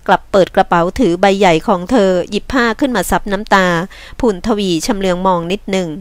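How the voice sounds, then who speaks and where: Woman audiobook narrator, measured literary reading, mid pitch, dry close mic. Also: dry recording. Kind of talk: scripted narration of a novel.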